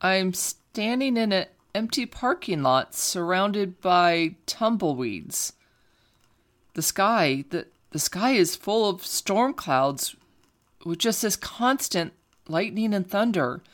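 A woman playing a nervous, halting young woman. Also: mid-range voice, animated. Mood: entranced. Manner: halting, stammering.

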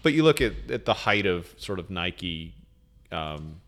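A man talking as a podcast guest in a casual chat, animated, acting out little quotes and often restarting his sentences. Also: low-pitched, measured pace.

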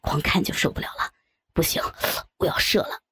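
A woman voicing a group of crude, boastful young men in a low, gruff put-on voice. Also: a little fast, sharp tone, no echo, clean studio sound, natural voice. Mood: leering.

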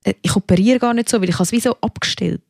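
A woman's voice: a little high, rapid-fire, creaky, a little mellow, dry recording, clean studio sound. A woman co-hosting a podcast in casual chat, talking in a reflective way and searching for her words. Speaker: podcast co-host.

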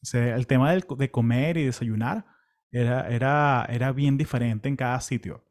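A young Venezuelan man with a Venezuelan Spanish accent tells the story of a long walking pilgrimage, relaxed and chatty, full of fillers and restarts. His voice sits in the mid range and moves at a moderate pace, the casual tone of someone sharing a travel story.

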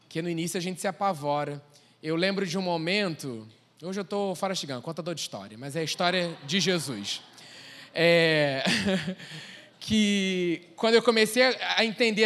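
A man with a Brazilian Portuguese accent preaching a sermon and telling his own testimony, chatty and animated, often asking "né?" and laughing. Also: sits high. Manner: animated, conversational, with frequent "né?" and laughs. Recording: church hall with worship music behind.

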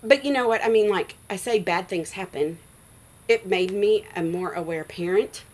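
A woman in her forties, a schoolteacher, telling a personal story in a casual interview, animated and full of "like" and "you know.". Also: medium pitch, normal speed, low-quality recording. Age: 40s. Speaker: guest, schoolteacher.

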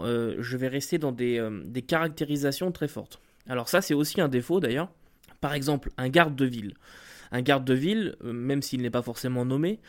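A man talking casually to camera about running tabletop role-playing games, with the odd filler. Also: mid-range voice. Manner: conversational, lively, with occasional fillers. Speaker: tabletop game master giving advice. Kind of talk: explanatory video talk.

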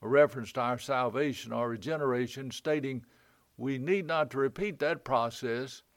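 A man, a pastor, giving a short devotional sermon in a calm, measured storytelling voice. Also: medium pitch.

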